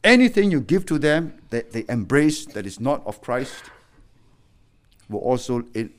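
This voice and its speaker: A middle-aged man preaching a sermon as a pastor, swinging between loud exhortation and quiet, low warnings. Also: sing-song, unhurried.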